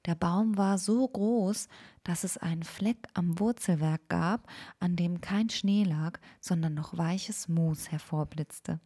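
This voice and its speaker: A woman telling a bedtime story in a soft, partly whispered, calm voice. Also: lowish voice, slightly rough. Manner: slow, hushed, calm.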